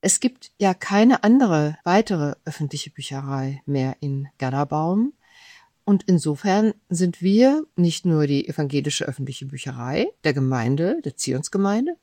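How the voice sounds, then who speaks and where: Lowish-voiced woman speaking slowly and thoughtfully. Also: expressive, mellow, no room sound. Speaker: head of a church library. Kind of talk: interview answers.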